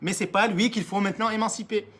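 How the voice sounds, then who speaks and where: A Mauritanian man, an Arabic speaker and political commentator, delivers an impassioned political monologue in French. He is emphatic and repetitive, often restarting his words and speaking directly to leaders. His voice is high and a bit bright, with fairly even intonation and a quick pace.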